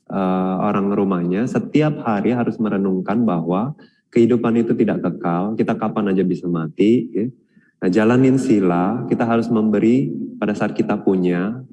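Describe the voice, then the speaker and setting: A low-voiced monk gives a calm dharma talk, his tone mellow and dark. He retells a story with many pauses and fillers. The sound carries a long reverb from a large hall. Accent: Indonesian. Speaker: Buddhist monk answering questions.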